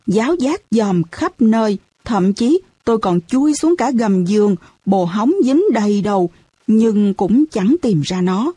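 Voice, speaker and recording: A woman narrating a first-person storybook in a lively, expressive way. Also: fairly high pitch, breathy edge, dry recording, studio quality. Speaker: audiobook narrator.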